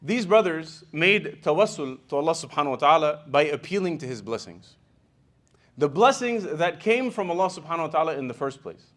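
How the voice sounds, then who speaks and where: High-voiced man preaching conversationally. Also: fairly quick. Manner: conversational, with frequent "you know" and "right?"; animated storyteller, swings in loudness. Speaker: imam. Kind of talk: sermon retelling a hadith.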